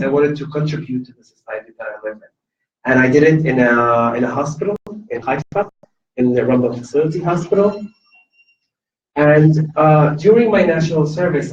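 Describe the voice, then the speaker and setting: Speaking in a mid-range voice, an invited speaker at a campus event gives an impassioned personal testimony, earnest yet halting, with fillers and restarts. He's from Lebanon with Arabic as his first language; the hall is echoey and the audio dull, distant and slightly hissy or humming.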